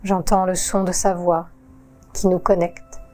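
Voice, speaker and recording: A woman yoga teacher guiding a relaxation session in a calm, soothing voice-over with long pauses. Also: lowish voice. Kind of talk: guided relaxation narration.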